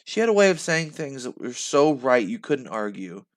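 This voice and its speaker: A young man reading a story aloud, animated and chatty. He often breaks off to laugh and react to what he reads, then picks the narration back up. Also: medium pitch, normal speed. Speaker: reader reacting live.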